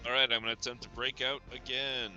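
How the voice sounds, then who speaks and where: A man's voice: medium pitch, flat delivery, fast talker, bright, forceful tone, muffled recording, faint music behind. A man chatting casually as a player in a tabletop game.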